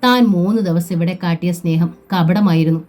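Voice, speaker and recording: A woman narrates a family novel in a steady, measured way. Her voice sits low and sounds mellow and soft-edged. Soft background music plays faintly beneath her. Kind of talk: storybook reading of a novel.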